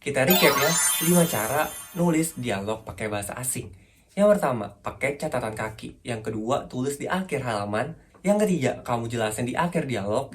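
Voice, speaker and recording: A young man with a casual manner giving a relaxed writing lesson, correcting himself and laughing often. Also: medium pitch. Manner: chatty, self-correcting, laughs often, asks viewers questions. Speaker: writing tips host.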